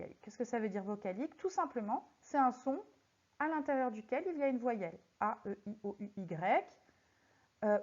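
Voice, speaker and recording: A woman teaching a recorded lesson on poetry, speaking slowly and deliberately and stressing words syllable by syllable as she works through exercises. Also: on the high side, darkish tone. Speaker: French teacher. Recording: slightly muffled lo-fi audio.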